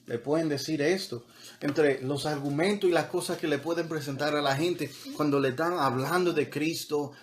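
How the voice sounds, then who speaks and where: A man's voice: on the high side, normal speed. A man preaching a sermon as pastor, talking conversationally with repeated words and building to emphatic peaks, mixing in English words.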